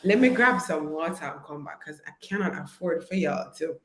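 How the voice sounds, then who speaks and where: Woman, hoarse voice, lowish pitch, chatty live-stream coach, greets viewers, echoey room. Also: lively intonation, moderate pace, a little hiss or hum. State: hoarse, recovering from illness. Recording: roomy echo.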